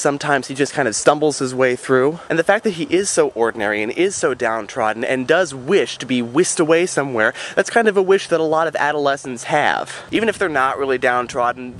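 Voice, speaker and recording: Young male vlogger, mid-pitched, earnest and chatty book reviewer with dry asides, faint ambient noise behind. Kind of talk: casual vlog book review.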